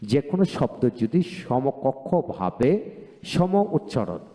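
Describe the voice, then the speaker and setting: Man drilling words twice, slow and deliberate. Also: mid-range voice, sing-song, dark tone, big-room sound. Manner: earnest, encouraging explanation to viewers. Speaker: pronunciation teacher. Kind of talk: spoken English pronunciation lesson.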